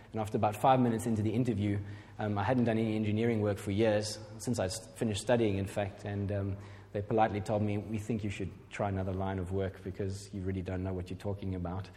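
A middle-aged pastor with a lowish, mellow voice gives a personal testimony, rambling and self-deprecating with many fillers. Hall reverb surrounds the recording.

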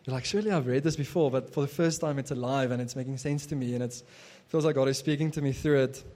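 Preaching casually as a pastor, a young Afrikaans-speaking man talks fast with plenty of fillers and false starts. He has a mellow, medium-pitched voice.

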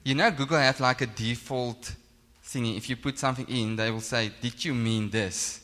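A man's voice: medium pitch, steady tone, brisk, bright, forceful tone. Namibian-accented male pastor in an echoey hall. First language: Afrikaans. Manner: self-deprecating, plain-spoken, conversational. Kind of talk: informal sermon. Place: large indoor church hall. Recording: echoey hall with long reverb.

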